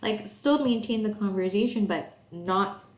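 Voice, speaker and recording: A woman's voice: medium pitch, measured pace. A woman from Malaysia, a therapist presenting an online training course in a casual, chatty way, with many fillers and frequent laughs. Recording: roomy echo, faint noise.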